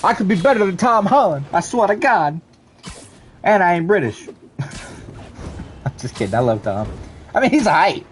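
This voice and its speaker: A young man streaming, chatting casually and rambling excitedly to his viewers, prone to ranting. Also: high-pitched, a little hiss or hum. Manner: rambling, excitable, quick to rant.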